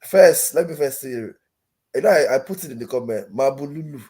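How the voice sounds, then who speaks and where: A Nigerian man with a dark, relaxed tone and a husky edge to his voice. He talks casually as a football fan calling in, repeating his phrases to drive a point home. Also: medium pitch, fairly quick. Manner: emphatic repetition of phrases. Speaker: call-in guest, football fan.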